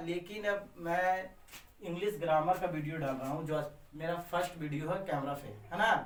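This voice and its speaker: Teacher in an echoey room. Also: male voice, high voice. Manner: repetitive, asks and answers his own questions with frequent "है ना". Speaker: teacher running his own channel. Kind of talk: grammar lesson to camera. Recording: echoey room, far from the mic.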